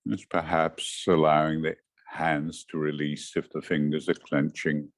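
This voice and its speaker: A male meditation teacher with a low voice delivers short, measured guidance very slowly and gently, pausing between instructions. His delivery is flat, and the dry audio carries no room sound.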